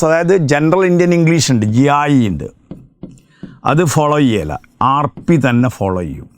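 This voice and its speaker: A man with a Malayali accent teaches an exam prep class, pitched a touch high with a lively, swinging delivery. He reads out points slowly, then rattles off explanations and answers his own questions. The sound is dry and close. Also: dry recording. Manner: switches between slow dictated English points and rapid explanation; poses questions and answers them himself.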